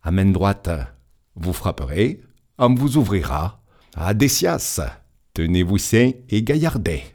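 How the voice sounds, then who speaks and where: Man doing a kindly old saint, gatekeeper, patient, fatherly, low voice, unhurried. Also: very animated, darkish tone, heavily acted. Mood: gentle. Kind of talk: audiobook storytelling.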